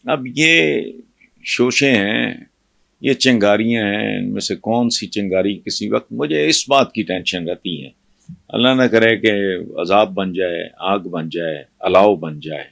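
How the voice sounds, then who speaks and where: An older man from Pakistan giving fiery political commentary, scornful and scolding, with loud bursts of mockery. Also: on the low side, creaky, no room sound.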